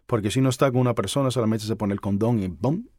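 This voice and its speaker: With a lowish, slightly mellow voice and a fast delivery, this man hosts a podcast, joking around informally and interviewing with easy familiarity. The studio recording is clean and free of room sound.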